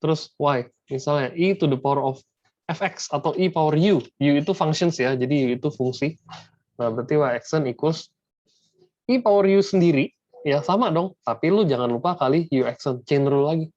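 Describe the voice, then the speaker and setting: A man's voice: a little high, normal speed, darkish tone, dry recording. A man tutoring math in a casual online lesson, slangy and dropping English math terms into his talk. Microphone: video call. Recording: dull lo-fi video call audio.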